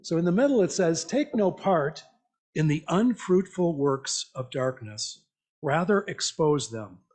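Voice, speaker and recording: A lay preacher with a higher voice and a darkish tone gives an interactive sermon to a church congregation, speaking a little slowly with lively intonation. His manner is conversational and reflective as he puts questions to listeners and echoes their replies.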